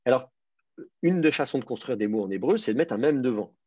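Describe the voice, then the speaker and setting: Talking fast with lively intonation, this online teacher has a husky, darkish, medium-pitched voice. He explains things patiently step by step, though he hesitates, restarts, and fills his speech with fillers and repeated words, all captured in dry, slightly dull lo-fi audio.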